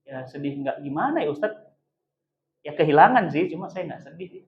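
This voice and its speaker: A man putting on a sullen, resentful grown child. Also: brisk. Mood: indifferent. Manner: flat, quiet, lowered voice. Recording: echoey, dull room sound.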